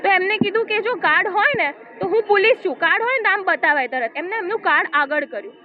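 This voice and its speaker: A woman giving a steady first-person account of an incident, quoting what was said to her. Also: very high voice, fast, crowd noise. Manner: steady retelling, quotes dialogue. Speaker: complainant giving a statement. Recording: tinny phone-like audio with faint noise.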